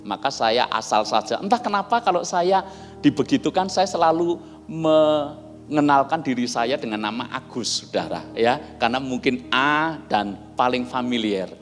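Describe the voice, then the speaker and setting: A man preaching a sermon, telling stories in a chatty, animated way and acting out dialogue. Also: mid-range voice, moderate pace. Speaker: pastor. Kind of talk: sermon with storytelling. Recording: long reverb, soft music behind.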